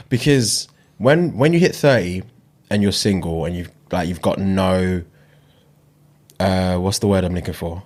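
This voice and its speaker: A laid-back young man speaks in a lowish voice. He drops plenty of slang and hums agreement as he chats on a podcast co-host. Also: measured pace, darkish tone. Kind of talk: casual chat.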